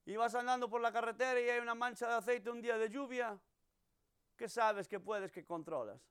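A man's voice: very high-pitched, a little fast, fairly bright tone, clear, resonant tone. A man preaching a sermon, telling stories and acting out the voices he quotes. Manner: storytelling, acts out quoted voices.

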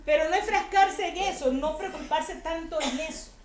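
A woman's voice: very high-pitched, moderate pace. A woman giving a chatty, humorous sermon to a women's group, often putting rhetorical questions to her listeners. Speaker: women's ministry speaker. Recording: echoey room with faint ambience.

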